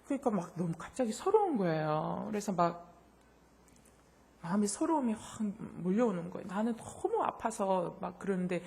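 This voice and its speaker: A middle-aged woman pastor delivers a heartfelt sermon in a naturally loud voice. Her pitch rises and falls widely as she tells her story and acts out the voices in it. She drops to soft, close lines, then builds to impassioned peaks. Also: sing-song, normal speed, gravelly. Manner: emotional storytelling, acts out quoted dialogue; swings between soft intimate lines and loud impassioned bursts. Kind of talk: sermon with personal testimony.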